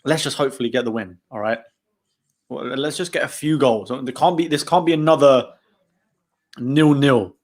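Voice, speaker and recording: A young man from England hosting a live football watchalong, chatting casually and getting excited about the game. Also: medium pitch, moderate pace. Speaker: channel host.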